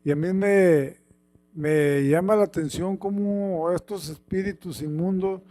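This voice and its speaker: A man with a high, mellow voice reads passages from the Bible aloud and then preaches on them. His delivery is slow and halting, with lots of fillers and repeated words.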